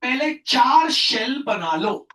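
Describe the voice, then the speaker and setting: Tutor with a bright, echoey, distant voice. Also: male voice, extremely high pitch, expressive, slow pace. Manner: asks questions and answers them himself, loud bursts of emphasis; mixes English science terms into Hindi. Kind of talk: classroom chemistry lesson. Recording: echoey room, mic at a distance.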